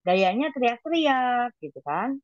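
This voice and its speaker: A woman giving an informal devotional teaching to colleagues, in a blunt and habitually loud, high-toned manner. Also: very animated, unhurried, dry recording, muffled recording. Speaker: devotional reading leader.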